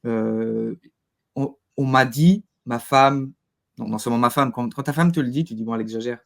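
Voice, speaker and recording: Man talking haltingly in a casual interview. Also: medium pitch, vocal fry. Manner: halting, repeats words while searching for phrasing. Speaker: interview guest.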